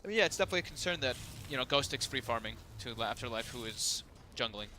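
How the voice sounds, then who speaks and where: A man giving analytical esports color commentary, talking fast with many fillers like "like" and "you know". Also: medium pitch, animated, sharp tone, a little hiss or hum.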